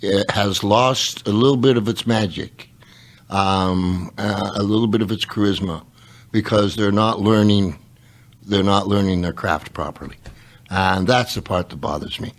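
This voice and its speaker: A rambling, animated wrestler-turned-podcast-host man. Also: fairly low pitch, a little slow. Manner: animated, rambling storyteller with many restarts. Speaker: former pro wrestler. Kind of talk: casual interview chat.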